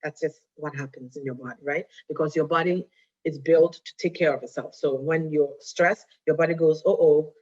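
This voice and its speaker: A woman's voice: deep voice, steady tone, moderate pace, darkish tone, breathy edge. A woman, a diabetes educator giving a casual health talk. She speaks conversationally, often checking in with "right?" and slipping Twi phrases into her English. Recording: dull lo-fi recording.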